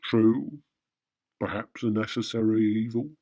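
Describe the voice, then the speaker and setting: A man playing an immortal Father Christmas in a radio drama, measured, weary and matter-of-fact in a wry, deadpan way. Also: fairly low pitch, no room sound. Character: Father Christmas, immortal, wryly matter-of-fact male gift-giving saint. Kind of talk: radio drama dialogue in comic pantomime.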